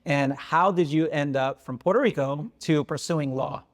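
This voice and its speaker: A man's voice: on the high side, moderate pace, big-room sound. A man hosting a podcast, chatting loosely and encouragingly as he introduces and questions his guest. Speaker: podcast host. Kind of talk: podcast interview.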